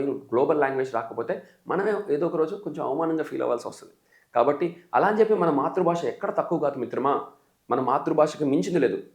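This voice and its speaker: A man from the Telugu states gives a quick, lively English lesson in a slightly raised voice, acting out his students' common mistakes. His speech bounces around an echoey room. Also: fairly high pitch. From Telugu states of India. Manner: animated, addresses viewers as friend, mimics learners' errors. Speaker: English teacher. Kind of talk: exam-coaching lecture.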